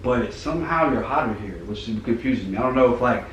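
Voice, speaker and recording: A man's voice: mid-range voice, expressive, brisk, fairly bright tone, lo-fi sound. Laid-back man hosting in an echoey room. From Florida. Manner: laid-back, curious, laughs easily. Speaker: podcast host. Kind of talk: casual chat. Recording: echoey room, mic at a distance, faint noise.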